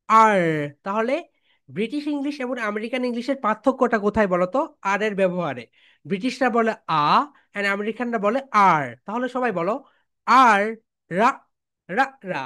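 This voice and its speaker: A woman teaching English letter sounds, chanting each sound and having the class repeat it. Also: a little high. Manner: call-and-response drilling, repeating sounds slowly; calls students "my dear soldiers". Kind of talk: phonics drill lesson.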